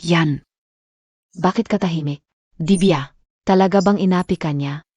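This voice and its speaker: A woman's voice: on the low side, unhurried, a little mellow, breathy edge, no room sound, muffled recording. An actress dubbing a bossy, doting older grandmother who gives orders and teases. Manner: commanding and teasing. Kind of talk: dubbed drama acting.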